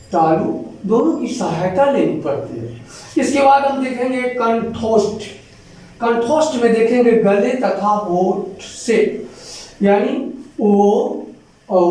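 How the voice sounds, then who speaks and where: A man's voice: sits high, mellow. A man teaching children, patiently explaining and sounding out letters one at a time. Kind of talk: Hindi grammar lesson for children. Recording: echoey room, voice from far off the mic.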